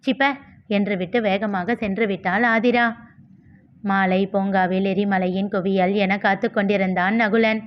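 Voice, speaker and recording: A woman reading a novel aloud as the host of a storytelling channel, with steady, expressive narration. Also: medium pitch, normal speed. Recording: slightly dull lo-fi recording.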